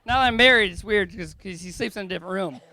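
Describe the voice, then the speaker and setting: A man's voice: sits high, fast, sharp tone, slight background noise. A young man giving an emotional, rambling wedding toast to his brother, tearful and laughing between lines.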